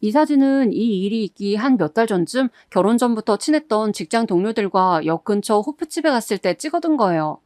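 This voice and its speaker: A woman's voice: mid-range voice, a little mellow, no room sound, studio quality. A woman narrating a first-person story in a confiding, conversational way.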